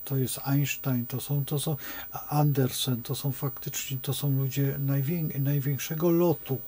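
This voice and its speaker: A man's voice: medium pitch, fairly even intonation, unhurried, dark tone, husky. A man speaking as an astrologer in an unscripted monologue, rambling and digressive as he tells stories.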